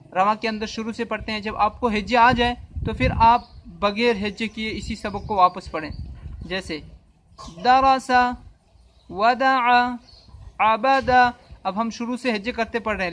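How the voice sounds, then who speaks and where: A man with a notably high voice teaches reading, sounding out each letter and repeating every word patiently. Faint noise and birdsong sit behind him. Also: a bit bright. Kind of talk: spelling-and-reading lesson.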